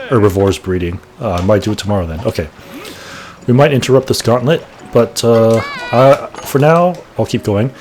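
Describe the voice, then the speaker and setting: A man's voice: fairly low pitch, a little mellow, slight background noise. A man in his late thirties chatting casually as he plays, rambling and correcting himself as he goes. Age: late 30s. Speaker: gaming channel host. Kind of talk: casual gameplay commentary.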